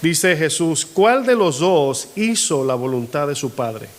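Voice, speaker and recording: High-pitched pastor preaching to his congregation. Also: animated, slow. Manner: asks the congregation frequent call-and-response questions; acts out quoted voices with rising pitch. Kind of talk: sermon. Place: church hall.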